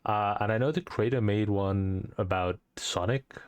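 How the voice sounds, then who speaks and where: A man's voice: lowish voice, unhurried, smooth, dry recording. A man hosting a reaction video, commenting casually and hesitantly with filler words.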